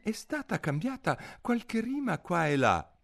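A man's voice: big pitch swings, measured pace, creaky, a bit bright, heavily acted. Alice, a man voicing a timid young girl. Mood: earnest. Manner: high, raised girlish voice. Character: curious young girl, timid yet earnest.

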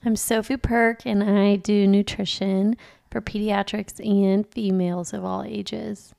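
A woman with a noticeably creaky voice talks as a podcast co-host in an easy, informal chat. Her s sounds carry a slight whistle, and her pitch sits in a middle range. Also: little pitch movement, a little slow, warm tone. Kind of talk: casual chat.

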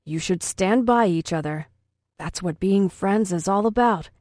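A woman voicing a stern, calm male schoolteacher who lectures firmly. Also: mid-range voice, no room sound, studio quality, lightly acted. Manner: firm, measured lecturing.

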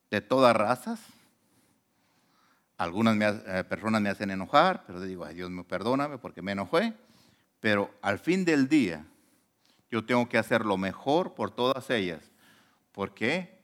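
A man preaching a sermon as a pastor, conversational and animated, often asking rhetorical questions. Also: fairly low pitch.

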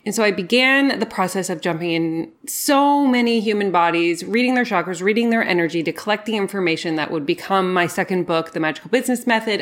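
A woman with a medium-pitched voice talks as a podcast host. Her delivery is effusive and informal, with emphatic phrasing in a conversational, storytelling monologue.

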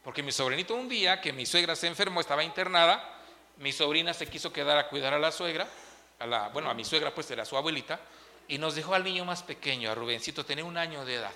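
A man preaching a sermon as pastor, animated, swinging between loud and soft. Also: a little high, fast talker, long reverb tail.

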